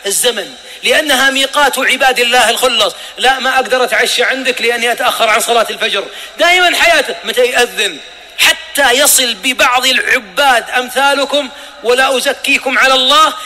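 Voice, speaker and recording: A man's voice: extremely high pitch, bright, forceful tone. A male preacher gives an emphatic sermon, asking his listeners pointed questions and acting out short bits of dialogue. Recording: long hall reverb.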